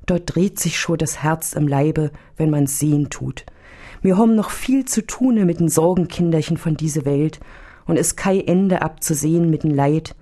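With a deep, warm voice at a measured pace, a woman plays a kindly, pious old nun-nurse with a childlike cheer. Fussing and sighing, she frets as she prays aloud.

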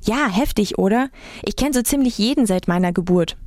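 A woman's voice: medium pitch, lively intonation, a little fast, darkish tone, no room sound, studio quality, close to an everyday voice. A woman voicing an overly eager, chatty teenage girl from a small island who keeps firing questions. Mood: eager chatter. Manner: bubbly, nosy, rattles off questions.

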